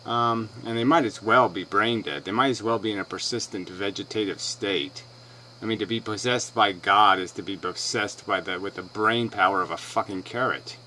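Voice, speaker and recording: Low-voiced man, mocking and dismissive. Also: moderate pace, pushed and bright, a little hiss or hum, rough recording. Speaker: video blogger responding to another video. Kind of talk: combative rant responding to a clip.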